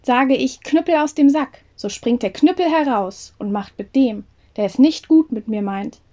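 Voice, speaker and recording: A woman's voice: high voice, moderate pace, darkish tone, dull audio. A woman reading a fairy tale, voicing a confident young male craftsman in an earnest, declaiming way.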